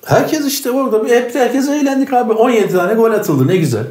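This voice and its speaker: A man chatting casually, teasing his co-host in lively banter. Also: very high voice, a little fast. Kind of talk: casual chat. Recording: roomy echo.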